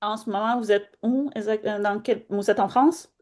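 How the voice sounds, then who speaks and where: A woman's voice: mid-range voice, fairly even intonation, normal speed, darkish tone. A woman casually moderating an online meeting as its host, passing the floor between participants.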